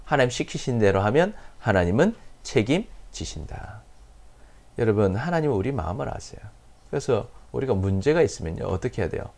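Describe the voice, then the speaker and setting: A man's voice: medium pitch, sing-song, brisk, creaky, darkish tone. A male pastor delivering a sermon, posing rhetorical questions and answering them himself, with repeated blessings.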